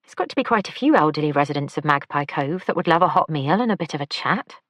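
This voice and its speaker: A woman's voice: sits low, lively intonation, fast, a bit bright, no echo. A woman voicing a careful young female pastry chef with dry humour in an audiobook.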